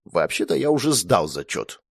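A man's voice: fairly low pitch, big pitch swings, moderate pace, creaky, slightly rough, dry recording, clean studio sound, heavily acted. A man voicing a boastful, cheeky teenage boy who teases his older sister. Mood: cocky. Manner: boastful, cheeky, whiny when dreaming. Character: cocky teenage boy, younger brother, daydreamer.

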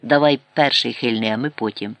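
A man reading an audiobook, voicing a gruff, wary officer who speaks curtly. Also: mid-range voice, a little fast, fairly bright tone, no room sound, natural voice. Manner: curt and snapping. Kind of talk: audiobook character voice.

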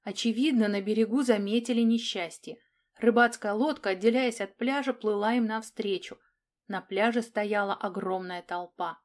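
A woman narrating an audiobook in an expressive, dramatic reading style. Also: mid-range voice, moderate pace.

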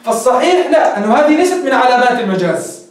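A man's voice: extremely high pitch, sing-song, quick pace. A man teaching a class on Islamic legal theory, explaining step by step and asking rhetorical questions he answers himself. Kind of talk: classroom lecture. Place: classroom with a whiteboard. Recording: echoey room, mic far off.

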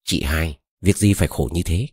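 A man's voice: low voice, normal speed, darkish tone, breathy edge, no echo, clean studio sound. A man voicing a sly old woman shaman. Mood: coaxing. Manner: cunning, coaxing.

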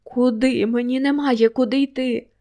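A despairing young woman in an audiobook protests through tears, her voice a touch raised and gravelly at the edges, as a woman reader puts her on. Her words come out pleading rather than angry. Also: a little high, level tone, moderate pace, darkish tone, natural voice. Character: despairing young woman trapped among spirits.

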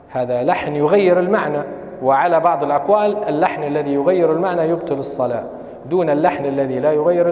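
A man with a Libyan Arabic accent, a sheikh giving a classroom lecture on Islamic law, explaining carefully and reciting examples. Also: on the high side. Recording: echoey hall, dull lo-fi sound.

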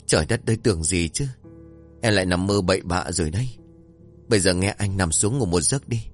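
A man's voice: on the low side, a little fast, faint music behind, natural voice. A male storyteller voicing an easygoing young husband who jokes and brushes off his wife's fears. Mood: reassuring. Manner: cheerful, coaxing, brushing off fears.

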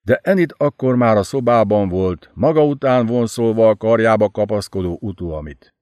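A man narrating an audiobook in an expressive, dramatic storytelling manner. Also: fairly low pitch, no room sound, dull audio.

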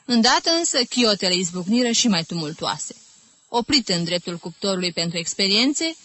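Bright, forceful woman audiobook reader. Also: on the low side. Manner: lively, expressive storytelling. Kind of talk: literary audiobook narration.

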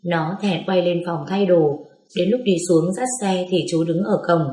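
Mellow low-voiced woman storyteller. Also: measured pace, roomy sound. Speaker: narrator. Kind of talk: storytelling narration.

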